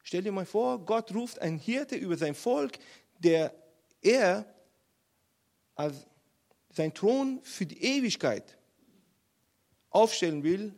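High-voiced animated male preacher. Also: takes it slowly, creaky, pauses often. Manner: animated, emphatic storytelling. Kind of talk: sermon, Bible teaching.

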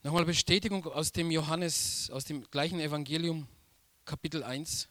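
A man preaching a sermon slowly and emphatically, repeating key phrases for weight. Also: fairly high pitch, fairly even intonation, fairly bright tone, no room sound.

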